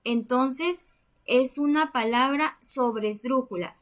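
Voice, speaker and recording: A woman's voice: high-pitched, slow. A woman explaining a grammar lesson as a teacher, methodically counting syllables step by step.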